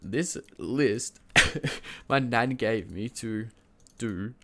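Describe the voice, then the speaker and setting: Standing and shifting around at his desk mic while streaming from home, a young man with a cold talks in a nasal, congested voice. He rambles casually through his story, tripping over words with fillers and restarts and breaking into little laughs. His medium-pitched voice is animated, a bit bright, and extremely slow.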